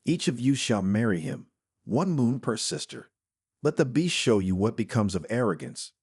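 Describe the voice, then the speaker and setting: A man voicing an ancient, cold, amused vampire king who speaks in a commanding, booming way in a dark fantasy audio story. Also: sing-song, moderate pace, slightly rough, no room sound, clean studio sound.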